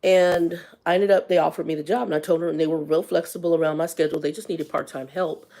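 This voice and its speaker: A woman's voice: low-pitched, steady tone, quick pace, mellow. A woman in her fifties telling a personal story on a casual livestream, candid and colloquial, with faith-based asides. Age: 50s. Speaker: livestream host.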